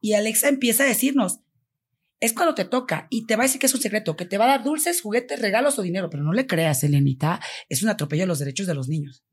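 A Mexican woman being interviewed, her voice breathy with a husky edge. She tells her story vividly, switching into the voices of each person she quotes. Her pitch sits in an ordinary middle range. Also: fast. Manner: animated, acts out quoted dialogue. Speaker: foundation founder, guest.

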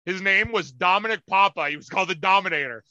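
A young man with a very sharp, bright tone tells a story in casual, profane chat. He talks over a video call, and the sound is dry and close with no room echo. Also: high-pitched, fast talker, highs cut off. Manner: animated, profane, acts out quotes in loud voices. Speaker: podcast co-host.

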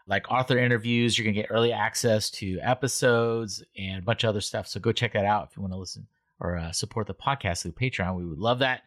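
A man co-hosting a casual book club podcast, talking in a rambling, animated way and often correcting himself. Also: fairly low pitch. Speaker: podcast co-host.

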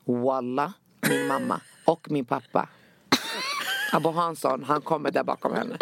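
Gravelly-voiced woman telling a lively story. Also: a bass voice. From Sweden. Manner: lively storyteller mixing in English and Arabic slang words. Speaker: podcast co-host. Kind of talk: casual chat, storytelling.

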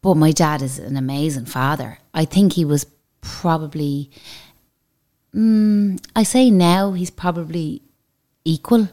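A Dublin Irish woman with a notably low voice, talking as a guest in a relaxed interview. She rambles easily from one memory to the next in a chatty way. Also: a little slow. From Dublin, Ireland. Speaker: podcast guest, salon owner. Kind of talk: casual interview chat.

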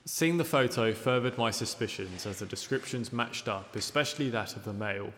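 An actor calmly reading out a witness statement in a formal, measured way. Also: male voice, mid-range voice, long reverb tail, a little hiss or hum, close to an everyday voice. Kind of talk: measured read-aloud statement.

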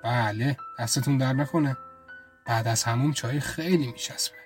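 A man reading the lines of a cheeky young woman houseguest in a light, teasing way, over soft music. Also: medium pitch, lightly acted.

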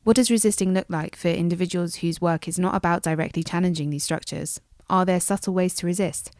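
A woman podcast host who reads composed scripted narration and asks measured interview questions. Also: fairly low pitch, fairly even intonation, darkish tone, dry recording, studio quality. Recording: voice over a clear music bed.

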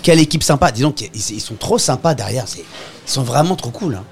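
Excitable, joking man with a lively voice. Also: mid-range voice, creaky, a little hiss or hum. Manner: excitable, joking, quick to laugh. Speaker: podcast host. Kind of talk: casual chat on a kitchen tour.

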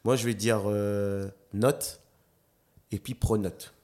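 Guy with a lowish voice chatting on a podcast, stammers and restarts a lot, acts out what people said. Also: slow. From New Caledonia. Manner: animated storyteller, acts out quotes, stammers on restarts. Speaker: dancer and slam artist, guest. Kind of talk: casual interview chat.

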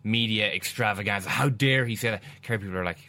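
A man's voice: fairly low pitch, fast, sharp tone. A man with a West of Ireland accent talking as a sports pundit in a casual discussion.

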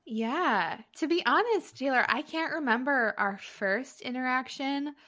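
A woman's voice: high-pitched, expressive, a little slow, sharp tone. A woman co-hosting a podcast, chatting in an effusive way and laughing easily. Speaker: podcast co-host. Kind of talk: casual podcast chat.

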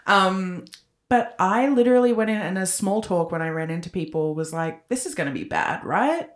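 A woman's voice: fairly low pitch, animated, moderate pace. A woman in her thirties, co-hosting a podcast in a casual, rambling chat full of likes and ums. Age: 30s. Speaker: podcast co-host. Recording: echoey room.

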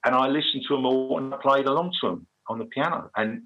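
A middle-aged man with a gravelly, husky voice, telling anecdotes casually as an interview guest. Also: mid-range voice, fast talker, fairly bright tone, dull audio, soft background music.

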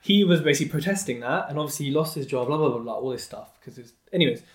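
A man's voice: on the high side, animated, racing. A man hosting a podcast in casual conversation, blunt, opinionated and jokey. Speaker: podcast host. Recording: roomy echo.

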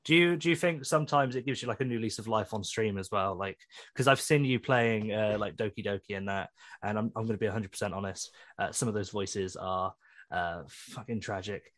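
A young British man hosting a podcast, animated and blunt, swearing as he jokes. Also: lowish voice, fairly quick. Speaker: podcast host. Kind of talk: casual podcast chat.

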